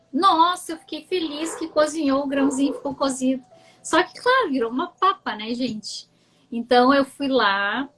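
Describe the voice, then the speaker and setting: A woman's voice: a little high, rough recording. A woman with a southern Brazilian gaúcho accent, a coach and guest telling a personal story on a live stream in a chatty, candid way. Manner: chatty and candid, often checking in with "entende?".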